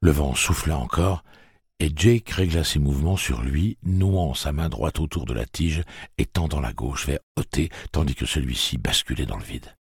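A man reading a novel aloud as an audiobook narrator, with a gravelly, husky voice and a steady, measured delivery. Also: very deep voice, dry recording, studio quality. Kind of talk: scripted narration.

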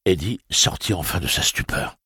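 A man narrating an audiobook with an expressive, dramatic reading. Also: sits low, moderate pace, breathy edge, dry recording, clean studio sound. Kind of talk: scripted narration.

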